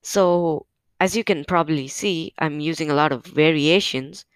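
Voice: medium pitch, moderate pace, smooth, no room sound. A podcast host recording at home on a new microphone, talking casually and hesitantly with many fillers, a little nervous. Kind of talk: casual solo podcast update. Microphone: new podcast microphone on a stand.

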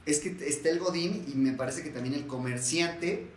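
A man's voice: a little high, moderate pace. A man with a Mexican accent hosting a casual podcast, asking questions and hedging with lots of fillers. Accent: Mexican Spanish. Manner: hesitant, fills with "o sea" and "¿no?". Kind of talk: casual interview chat. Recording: roomy echo, faint noise.

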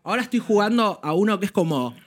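Guy guesting on a podcast, camp and teasing, high voice with big swings. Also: quick pace. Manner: camp, teasing, animated storyteller. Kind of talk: casual chat.

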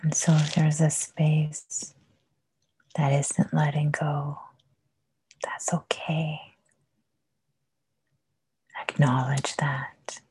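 A woman whispering a guided meditation, soft and soothing with long pauses. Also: sits low, flat delivery, husky, no echo.

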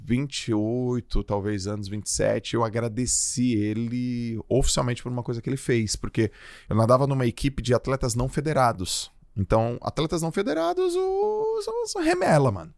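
A man from Brazil tells stories as a podcast guest, his voice carrying a gravelly rasp. He talks in loose slang and lively bursts. The sound is dry and close. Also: mid-range voice, fairly quick, no echo. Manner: slangy, animated, acts out quoted voices. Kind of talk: casual storytelling on a podcast.

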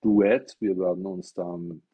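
A man's voice: low voice, fairly even intonation, measured pace, mellow, breathy edge. A man from southwest Germany giving a casual, rambling live-stream monologue into an iPad. He explains things and asks himself rhetorical questions as he goes. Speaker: livestreamer talking about Buddhism.

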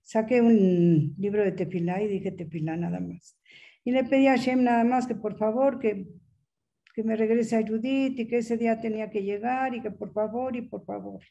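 A woman's voice: on the high side, fairly even intonation, normal speed, vocal fry, dark tone, muffled recording. An older woman tells her family's story as a personal testimony, speaking in an emotional, hesitant way. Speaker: mother telling her story.

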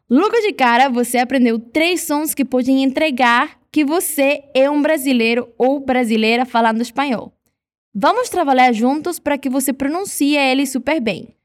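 High-voiced Brazilian woman teaching pronunciation. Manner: slow model repetitions of words. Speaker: Spanish teacher. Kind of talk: scripted pronunciation lesson.

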